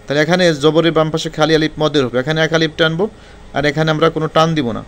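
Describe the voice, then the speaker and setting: A man teaching Quran reading, spelling out Arabic letters slowly one by one and explaining the rules more quickly. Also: fairly high pitch, flat delivery, a little hiss or hum. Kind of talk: spelling-out recitation lesson.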